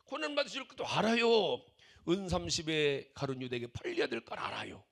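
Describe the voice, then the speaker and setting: An older male pastor preaching with emphasis, his high voice rising and falling widely. He piles up repeated rhetorical questions, and a gravelly rasp runs through his delivery. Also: big pitch swings, brisk, fairly bright tone. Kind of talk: sermon.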